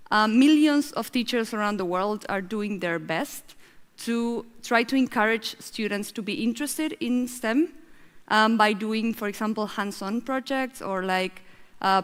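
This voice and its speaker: A woman from Argentina gives a conference talk in a large hall, and her voice trails off into a long reverb. She speaks at a mid pitch and explains her points in an earnest, measured way. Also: a bit bright. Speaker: festival speaker, head of a science nonprofit.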